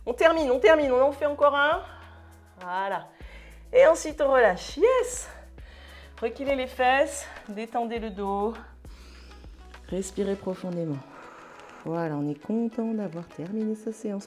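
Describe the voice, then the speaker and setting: A woman's voice: mid-range voice, a little mellow. A French woman coaching a cardio boxing workout, calling out moves in short punchy cues and sometimes winded as she trains along. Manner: brisk, punchy cues while exercising along. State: out of breath at times. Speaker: fitness coach. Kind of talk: workout instruction.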